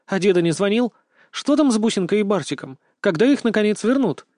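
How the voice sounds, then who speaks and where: A man voicing a lively, cheeky teenage granddaughter in an audiobook, with a bold, teasing way of talking. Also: sits high, a little fast, dry recording, studio quality, pitched above the performer's own voice. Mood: impatient. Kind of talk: audiobook character voice.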